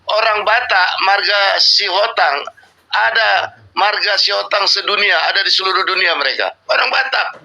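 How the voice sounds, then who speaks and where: A man arguing forcefully in a heated debate, hammering home his points by repeating them. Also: sits high, normal speed, vocal fry, poor audio. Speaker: debate participant.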